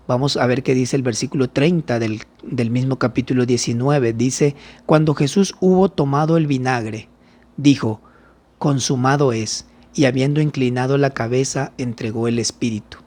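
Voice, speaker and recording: A man's voice: medium pitch, darkish tone. Man, pastor, Bible study lesson, reads scripture, asks questions. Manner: reads scripture aloud then explains it, asking questions.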